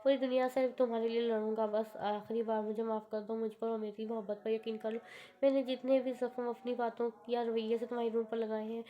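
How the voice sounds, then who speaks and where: A woman's voice: on the high side, flat delivery, fairly quick, close to an everyday voice. A woman voicing an ardent young man who pleads earnestly and teases playfully, in a dull lo-fi recording. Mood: pleading.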